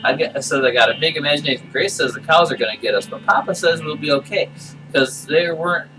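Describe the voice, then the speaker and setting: A man's voice: a little high, fast, pitched above the performer's own voice, lightly acted. A man voicing a frightened young farm girl reading her diary, with simple, folksy childlike phrasing, in a game playthrough. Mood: naive, uneasy. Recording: distant mic, music behind.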